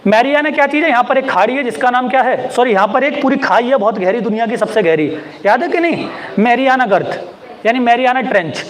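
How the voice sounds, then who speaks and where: High-voiced man teaching with a quizzing manner. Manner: quizzes students with repeated questions, jokes about mispronunciations. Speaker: geography teacher. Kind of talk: classroom lecture at a map.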